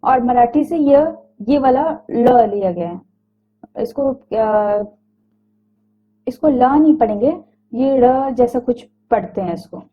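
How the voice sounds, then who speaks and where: A woman teacher giving a grammar lecture, explaining patiently and sounding out letters slowly one by one, with small self-corrections. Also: on the high side, expressive. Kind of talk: recorded Hindi grammar lecture. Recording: tinny phone-like recording.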